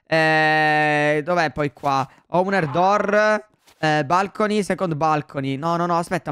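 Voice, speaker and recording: A young man commenting on a video game for his viewers, excitable and full of exclamations. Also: a little high, smooth, dry recording. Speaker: gaming YouTuber. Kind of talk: Let's Play commentary.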